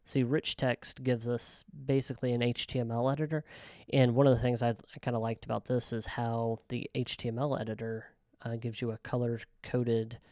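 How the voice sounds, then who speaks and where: A man casually talking through a software tutorial, thinking aloud with frequent ums and self-corrections. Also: mid-range voice, level tone, normal speed, no room sound, clean studio sound. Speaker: web developer tutorial host. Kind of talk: casual screen-recorded software walkthrough.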